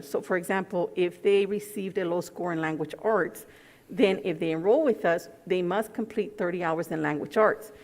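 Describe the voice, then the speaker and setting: A woman's voice: medium pitch, darkish tone. Woman speaking through a face mask, echoey hall. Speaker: school district program presenter. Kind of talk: formal presentation and answering questions. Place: large indoor board meeting room.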